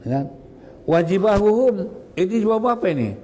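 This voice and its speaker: A man with a Sabah Malay accent delivers a religious lesson in a mellow, warm voice. He recites Arabic verses and then explains them, often pausing to ask his listeners questions. Faint noise sits under the recording. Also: high-pitched, expressive, in a large hall. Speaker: religious teacher. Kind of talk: Islamic lecture explaining Quranic verses.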